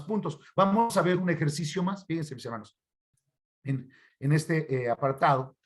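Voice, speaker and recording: A man with a Mexican Spanish accent teaching a Bible study workshop on a video call, often calling his listeners brothers and putting questions to them. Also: on the high side. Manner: addresses listeners as brothers, asks questions to the class. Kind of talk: online church workshop teaching.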